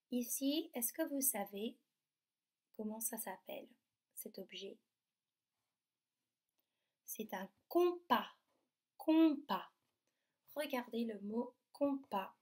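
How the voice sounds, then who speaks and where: A woman, teaching young children from her computer at home and slowly sounding out letters and words. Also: mid-range voice, a little mellow. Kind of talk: remote lesson for young children. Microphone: computer mic.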